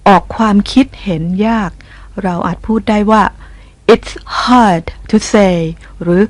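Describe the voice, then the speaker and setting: A woman teaching as a language teacher, narrating a scripted lesson in a gentle, polite explaining tone. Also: mid-range voice, takes it slowly, no echo. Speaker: English teacher.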